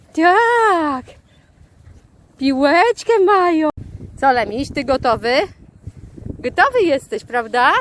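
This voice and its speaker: Woman baby-talking her dogs in a field. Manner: high sing-song baby talk to pets; calls out commands, squeals with excitement. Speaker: dog owner vlogger. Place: open fields outdoors.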